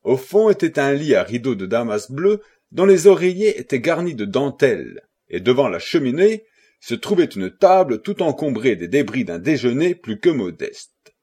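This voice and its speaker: A husky male narrator reading a classic novel aloud. His measured delivery has lively, wide-ranging intonation. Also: medium pitch. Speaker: audiobook narrator. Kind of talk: scripted narration.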